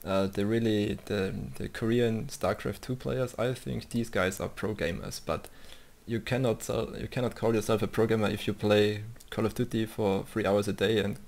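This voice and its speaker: A man's voice: lowish voice, steady tone, moderate pace, few pauses, a little mellow. A man co-hosting a casual podcast, hesitant and restarting sentences as he reasons aloud. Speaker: podcast co-host. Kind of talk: casual chat.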